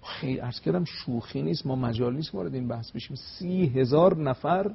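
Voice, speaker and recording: Husky man telling religious history. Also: mid-range voice, lo-fi sound. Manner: emphatic, rising to stressed peaks, slows to recite Arabic. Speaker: religious scholar guest. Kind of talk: storytelling lecture on religious history.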